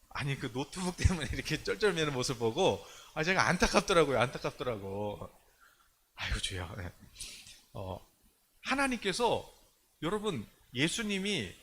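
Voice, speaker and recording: Preaching in church in a loose, chatty, conversational style, a male pastor animatedly acts out the dialogue of the people he quotes and keeps things colloquial. His voice is a little high, with a bit of hiss or hum in the recording.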